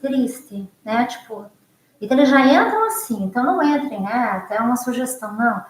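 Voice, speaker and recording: Answering her students' questions in casual, warm conversation, this Brazilian psychologist and teacher speaks with a Brazilian Portuguese accent and keeps tagging "né?" onto her sentences. Her voice is on the high side, with lively intonation and a fairly quick pace, heard through roomy, poor-quality audio.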